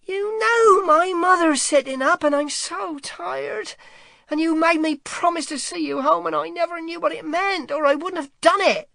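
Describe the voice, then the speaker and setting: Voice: very high-pitched, normal speed, creaky, bright, forceful tone, no room sound, voice pushed up, exaggerated voice. A reader voicing a tired little boy who pleads tearfully and sobs. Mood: pleading. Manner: pleading, sobbing. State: crying.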